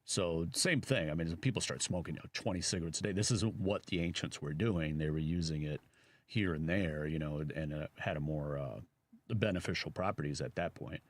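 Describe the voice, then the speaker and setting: Chicago guy on a talk show, deep voice, rambly with lots of you knows, dry close sound. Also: brisk, no room sound. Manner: rambling, full of "you know" fillers. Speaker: radio show co-host. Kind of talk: casual chat.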